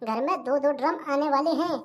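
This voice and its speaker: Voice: high voice, a little fast, close to an everyday voice. A voice actor playing a suspicious, fearful old village mother-in-law in a comedy cartoon, speaking with a rural Hindi accent. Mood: urgent. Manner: suspicious, fretful, muttering asides.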